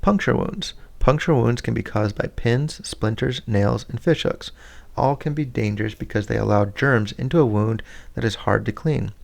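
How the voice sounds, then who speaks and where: A man reads a first-aid manual aloud in a steady, unhurried way, now and then stumbling and restarting a word. His voice sits at a middle pitch and carries a strong gravelly fry throughout. He breaks off briefly to comment on the text. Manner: plain, steady read with small slips and restarts. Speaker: reader of a scout handbook.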